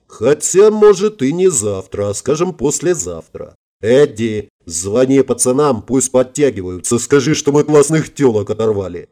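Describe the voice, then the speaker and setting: A man's voice: mid-range voice, lively intonation, moderate pace, few pauses, warm tone, natural voice. Man doing a swaggering young street tough. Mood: smug. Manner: swaggering, gruff.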